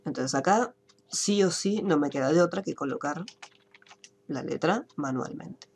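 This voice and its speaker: A woman's voice: low-pitched, lively intonation, a little slow, darkish tone, slight background noise. A woman teaching a spreadsheet class online, explaining step by step and asking herself questions before answering them. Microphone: computer mic on a video call.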